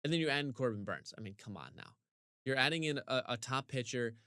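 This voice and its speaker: A man co-hosting a casual sports podcast, ranting animatedly with big jumps in pitch, his voice getting a little hoarse. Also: lively intonation, fast talker, pushed and bright, dry recording, clean studio sound. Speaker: podcast co-host.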